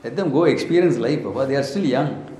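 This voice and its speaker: A man's voice: medium pitch, expressive, a little fast, mellow. Indian man teaching scripture in an echoey room. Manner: short emphatic phrases, rhetorical questions, switches into Hindi and Sanskrit. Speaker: spiritual teacher. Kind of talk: informal scripture lecture with storytelling.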